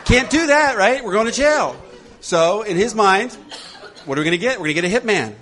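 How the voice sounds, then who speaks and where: A man leading a recovery workshop for a group, animated and laughing often as he acts out voices. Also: high voice, a little fast, noisy background. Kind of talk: talk to a group.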